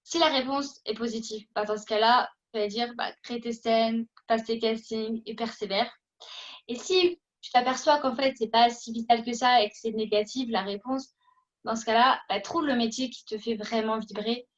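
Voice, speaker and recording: A woman with a fairly high voice hosts a casual interview on acting. She talks hesitantly, full of fillers and restarts. The recording sounds dull and lo-fi. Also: fairly even intonation, normal speed.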